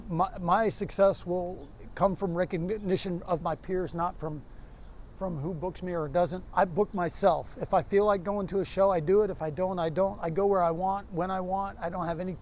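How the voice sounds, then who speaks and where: A man doing profane, shouting stand-up comedy, switching to calm, low-key interview talk. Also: normal speed, slight background noise. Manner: profane, shouting, laughing bravado on stage. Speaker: open-mic comedian. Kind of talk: stand-up bits and interview answers. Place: comedy club.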